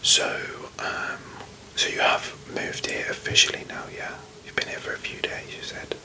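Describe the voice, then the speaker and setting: A British performer in a whispered role-play, voicing a strict, officious, slightly condescending librarian in a hushed library whisper. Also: normal speed. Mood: officious, brisk.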